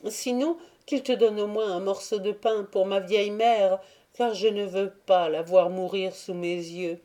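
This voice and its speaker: A frightened young Tatar servant woman, pleading in hushed answers, as the narrator puts her on. A slightly higher, softer storybook voice that stays mellow and unhurried. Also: steady tone, natural voice.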